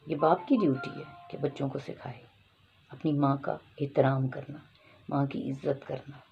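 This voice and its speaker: Low, gravelly woman giving parenting advice. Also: mellow, lo-fi sound. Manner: mixes English words into Urdu; explains patiently, often asking "theek hai?". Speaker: parenting advisor.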